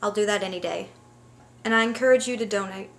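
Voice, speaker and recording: A woman's voice: mid-range voice, fast, vocal fry. A woman vlogger talking casually to camera in a personal, unscripted way.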